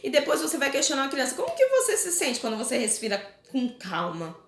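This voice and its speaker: A woman's voice: high voice, huge pitch swings, fast talker, creaky. A woman teacher with a Brazilian Portuguese accent, talking parents through the week's homework in a chatty way, often checking in with little tag questions. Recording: echoey room.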